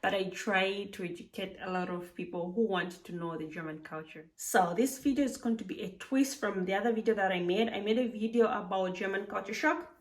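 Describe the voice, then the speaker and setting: This vlogger, a Zambian woman living abroad, talks a little fast with few pauses in a mid-range voice, picked up by a distant mic. She dispenses chatty, emphatic advice and keeps saying "like".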